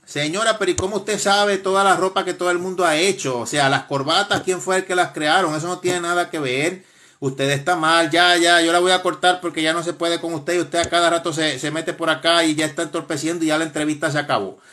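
A man's voice: fairly high pitch, steady tone, a little fast, sharp tone. A man hosting a live stream, casually commenting in a mocking, laughing way, with frequent exclamations.

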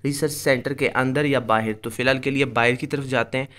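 Brisk and a bit bright, a man with a medium pitch and steady tone hosts a gaming video. In casual screen-recorded commentary, he explains things to his viewers, speaking to them directly as he goes.

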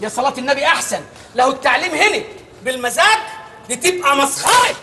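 An actor playing a loud, bossy, old-fashioned male Arabic teacher who scolds in a comically indignant way. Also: extremely high pitch, lively intonation, quick pace, slight background noise, heavily acted. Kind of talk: comedy film acting.

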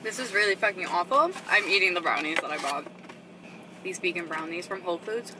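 A woman's voice: on the low side, brisk, noisy background. A young woman chatting casually in a lifestyle vlog, swearing freely as she talks. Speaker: lifestyle vlogger.

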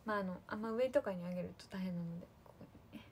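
A woman chatting on a livestream to her fans, casually thanking viewers one by one in a soft, friendly way. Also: on the low side, fast talker, a little hiss or hum. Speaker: idol livestream host.

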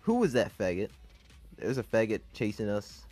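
A young man casually commentating a game, rambling and excitable with crude jokes. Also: lowish voice, moderate pace, faint music behind. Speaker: gameplay commentator.

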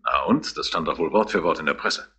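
A man's voice: extremely low pitch, a little fast, sharp tone, breathy edge, exaggerated voice. A man playing an elegant, cunning psychiatrist in a 1960s radio crime drama, aloof and lecturing. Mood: dismissive. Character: elegant, cunning male psychiatrist, cool and condescending. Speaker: doctor.

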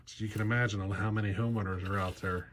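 His voice sits on the low side, steady and a bit bright, and he talks fast. The man, a chainsaw channel host in his forties, gives casual, no-nonsense explanations full of ums and you-knows, captured by a close handheld camera in a cluttered indoor garage workshop.

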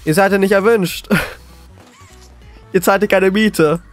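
A man commentating live on a horror game as a scared, jittery streamer, excitable and often repeating words. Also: high voice, takes it slowly, faint music behind. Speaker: gaming video creator.

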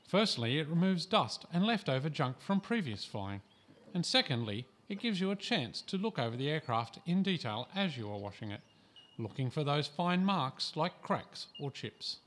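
An Australian man serves as instructional narrator for a scripted training voice-over, reading in a calm, measured, instructive way at medium pitch.

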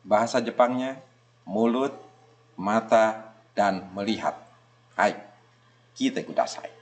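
A man teaching a Japanese kanji lesson. He speaks patiently, repeats small checks and gives a soft laugh now and then. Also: fairly low pitch, slow. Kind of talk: online language lesson.

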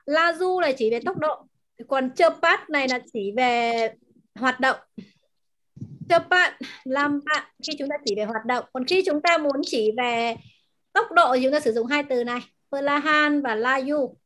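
Bright high-voiced woman teaching a language. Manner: patient, explains and repeats words slowly. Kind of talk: online class teaching vocabulary and pronunciation.

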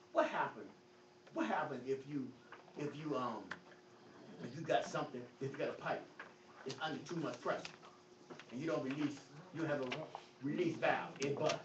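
Preaching to a Bible study group in a church hall, a high-pitched male pastor alternates loud emphatic bursts with quiet stretches and talks about his stutter. A phone set across the reverberant room records him, so he comes through faint, dull, distant and slightly hissy.

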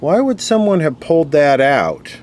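This man's voice is a little high and moves at a moderate pace. As the on-camera host working on vintage electronics, he mutters casual repair commentary and thinks out loud, against steady background noise.

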